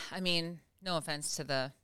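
Woman, chicago accent, low voice, bright and crisp, laughs a lot, teasing host. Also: measured pace. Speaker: podcast host. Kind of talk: casual chat.

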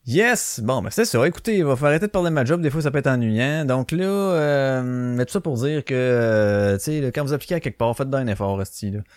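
A man with a Québécois French accent holds forth alone on his podcast, loose and profane, slipping into quoted voices as he tells his stories. His pitch sits in the middle range. The recording is close and dry, with no room sound. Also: expressive, a little fast, hardly any pauses, dry recording. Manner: swearing, ranting storyteller who acts out quotes. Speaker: podcast host. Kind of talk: casual solo podcast monologue.

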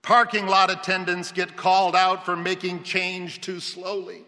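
A man's voice: sits high, completely flat delivery, measured pace, bright, forceful tone. A male preacher giving a sermon with storytelling, emphatic and rhetorical, building up in lists. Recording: long hall reverb.

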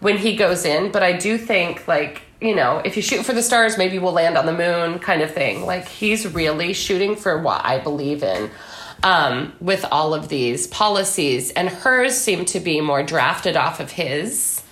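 A woman guest, an author and commentator, shares her opinions in a casual political discussion, her voice fairly low, a bit bright, measured in pace, and lively in intonation. She's conversational and often acts out what others say in mock dialogue, recorded in an echoey room.

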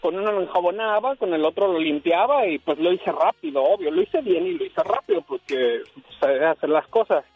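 High, husky man telling a story. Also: a little fast. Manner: animated, acts out dialogue in the story. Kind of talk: casual storytelling on radio. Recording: dull, muffled radio audio.

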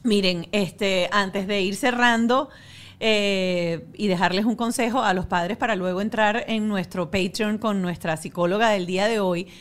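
A woman's voice: medium pitch, steady tone, unhurried. A woman hosting a podcast interview, chatty and teasing her guests. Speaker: podcast host. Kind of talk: casual interview.

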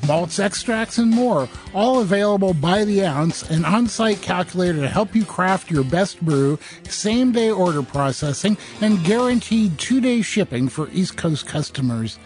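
A man reading a sponsor ad for a shop in a brisk sales-pitch delivery. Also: animated, a little mellow, faint music behind. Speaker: ad announcer. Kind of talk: read advertisement.

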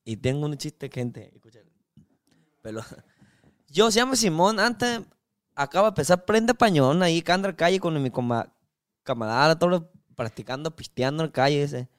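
Chinese-born male guest, young, broken slangy delivery, a bit high-pitched. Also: expressive, normal speed. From China. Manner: broken, street-slang Spanish with restarts. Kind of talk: casual interview chat.

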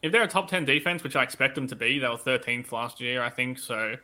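A man co-hosts a casual sports podcast, offering analytical, conversational talk in a fast, mid-range voice with a bright, forceful tone. Tonsillitis affects his voice, an effect that comes and goes.

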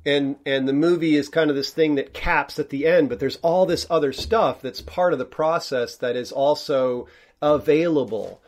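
A man's voice: a little high, normal speed. A man hosting his own podcast, talking alone in a rambling, candid way, with many restarts and fillers. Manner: candid and self-reflective, sometimes swearing. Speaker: podcast host and filmmaker. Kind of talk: rambling solo podcast monologue.

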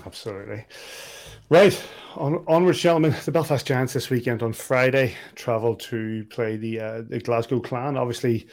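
A man's voice: mid-range voice, normal speed, darkish tone. A man hosting a sports podcast in a jovial, bantering way. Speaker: podcast host. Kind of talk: casual sports chat.

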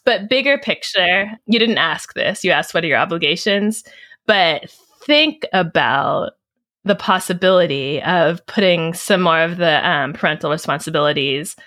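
A woman's voice: on the low side, unhurried, a bit bright, no echo, studio quality. A woman hosting an advice show, talking through a reader's letter in a thoughtful, frank, casual way.

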